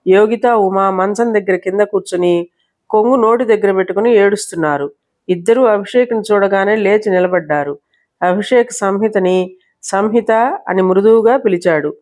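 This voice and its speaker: Woman storyteller, steady expressive novel reading, mid-pitched. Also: moderate pace.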